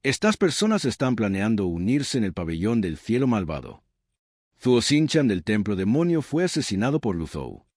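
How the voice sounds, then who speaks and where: Lively low-voiced male recap narrator. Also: normal speed, no echo, clean studio sound. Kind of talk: scripted story recap narration.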